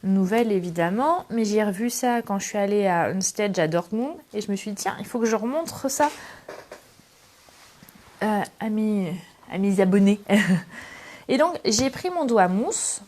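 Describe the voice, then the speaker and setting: A woman's voice: mid-range voice, measured pace. Brief: woman host, chatty craft demo at home desk, easygoing, faint hiss and clicks behind. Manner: chatty, relaxed, thinks aloud with fillers. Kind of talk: casual step-by-step craft demonstration. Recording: faint background noise and clicks.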